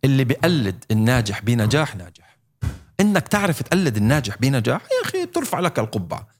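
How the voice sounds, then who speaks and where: A man's voice: mid-range voice, wildly swooping pitch, fast. A man chatting casually and animatedly, mixing in English words and laughing often. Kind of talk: casual chat.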